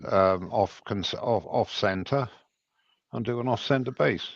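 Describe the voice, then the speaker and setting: A man's voice: fairly low pitch, a little slow, dry recording, muffled recording. A man co-hosting a woodturning call, giving directions with a chuckle and repeating himself. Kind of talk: casual live-stream chat.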